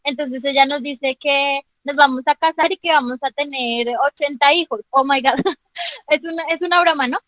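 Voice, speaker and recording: High-voiced woman teacher quizzing students. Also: normal speed, fairly bright tone, no echo, poor audio. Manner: patient, checks understanding with frequent questions; calls on students by name. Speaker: English teacher. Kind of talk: online class explanation.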